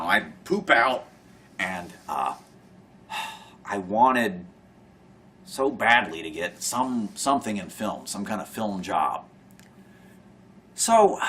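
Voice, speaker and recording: A man's voice: on the low side, bright, forceful tone. A young man talking to camera in a rambling, sardonic monologue, sighing often and trailing off mid-thought. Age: young adult. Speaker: vlogger.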